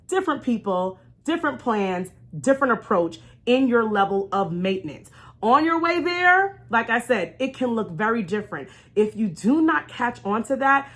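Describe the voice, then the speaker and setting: With a fairly high, fairly bright voice, a life coach and vlogger gives an emphatic motivational talk to her viewers, repeating important phrases. The storytime vlog offers encouragement rooted in faith.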